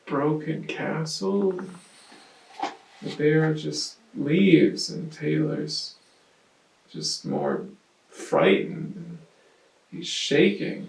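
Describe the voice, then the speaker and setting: Male storytime reader, very slow and lively, gravelly, roomy far-off sound. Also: a little high. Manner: describes the pictures, animated. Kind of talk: children's picture book reading. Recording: roomy, distant mic, faint noise.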